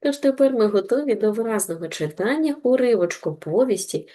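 A woman teacher giving an online reading lesson to young children, encouraging and deliberate, slowing down to spell out words. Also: fairly high pitch, animated, dark tone. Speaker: primary school teacher.

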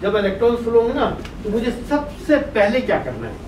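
A man's voice: extremely high pitch, very animated, brisk, darkish tone. An older man with a Pakistani Urdu accent lecturing at a whiteboard through a face mask, quizzing his class and answering himself. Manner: asks the class questions and answers them himself; talks through a face mask while writing on the board. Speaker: professor lecturing on boiler chemistry. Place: brick-walled meeting room indoors. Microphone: distant room mic. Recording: echoey room from far off with noise.

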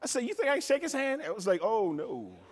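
A middle-aged American man gives a motivational keynote from a large convention hall stage, his high-pitched voice swinging widely in pitch at a quick pace. He tells stories with emphasis, repeats phrases for effect and speaks directly to the audience. The reverberant PA sound carries a little hiss or hum.

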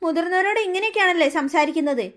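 A woman's voice: very high-pitched, racing, fairly bright tone. A woman voicing a haughty, scheming aunt in a cartoon story, speaking in a scolding, threatening and scornful way. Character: scheming haughty adult aunt, mean and bullying.

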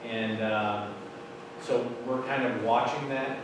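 A school administrator, a middle-aged man, presents to a board at a podium, his mid-range voice slow and fairly even in intonation. He explains policy updates casually with many fillers. The recording comes from a distant room mic across a large, very echoey meeting room and is noisy.

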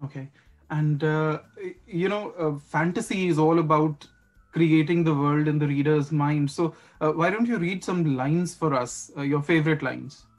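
A man's voice: on the high side, normal speed, faint music behind, poor audio. Hesitant male podcast host. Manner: hesitant, many fillers and repeats. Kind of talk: podcast interview.

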